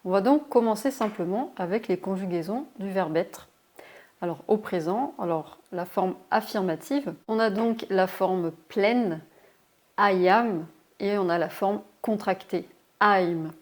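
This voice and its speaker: Slow, careful woman teaching English. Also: medium pitch. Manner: clear, deliberate, repeats English examples slowly. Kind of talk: French-language English lesson.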